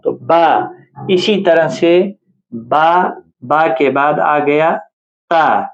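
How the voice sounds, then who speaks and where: A man teaching a reading lesson for beginners, explaining patiently and repeating each letter sound slowly. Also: fairly high pitch, lo-fi sound. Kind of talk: spoken lesson with slow drawn-out example sounds.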